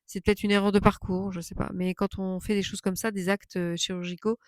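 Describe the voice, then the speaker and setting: A woman's voice: medium pitch, little pitch movement, brisk, smooth, no echo, studio quality. A woman vlogger chatting casually as she tells a personal story, indignant and emphatic, often repeating phrases for stress.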